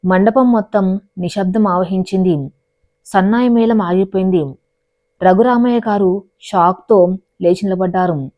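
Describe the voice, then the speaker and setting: A woman's voice: mid-range voice, a little slow, long pauses, no echo. A woman narrating a dramatic love story as a storyteller, in a scripted reading style. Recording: dry, dull lo-fi voice recording.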